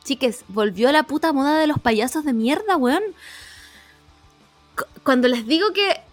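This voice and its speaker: A young woman with a Chilean accent, chatting casually as a podcast co-host, full of swearing and animated storytelling. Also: sits high, unhurried, no room sound, soft background music. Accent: Chilean Spanish. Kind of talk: casual chat.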